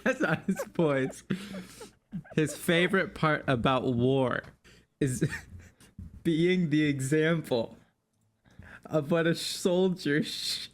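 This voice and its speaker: A man's voice: a little high, slow pace, pauses often, slight background noise. A man chatting casually as a player on a tabletop game stream, giggly and easily cracking up. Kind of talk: casual banter with fellow players.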